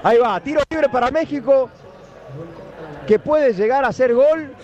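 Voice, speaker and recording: A man with a Rioplatense accent giving an excited live street report outdoors, cueing listeners as he goes. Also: very high voice, measured pace, highs cut off. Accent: Rioplatense Spanish. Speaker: field reporter. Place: outdoors among a crowd of fans. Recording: crowd noise behind.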